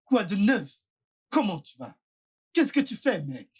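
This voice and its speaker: A woman playing a boastful, husky villager. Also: medium pitch, very animated, unhurried, full character voice. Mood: playful. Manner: showy, teasing, mock-American put-on. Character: boastful villager dreaming of America. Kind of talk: dubbed film acting.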